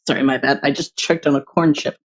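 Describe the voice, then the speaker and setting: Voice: mid-range voice, steady tone, fast talker. A young adult streamer chatting casually while drawing, thinking aloud and rambling with lots of fillers. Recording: slightly dull home stream audio.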